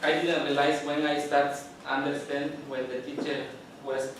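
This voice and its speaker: A man telling his own story as a student speaker, plainly and a little haltingly. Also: on the high side, flat delivery. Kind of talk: personal speech. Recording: echoey room from far off with noise.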